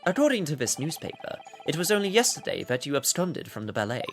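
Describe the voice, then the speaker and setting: A man's voice: on the high side, very animated, fast, soft background music. A man playing a pompous, theatrical great detective. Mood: probing, theatrical. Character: eccentric male great detective, theatrical and inquisitive. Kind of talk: video game voice-over read aloud.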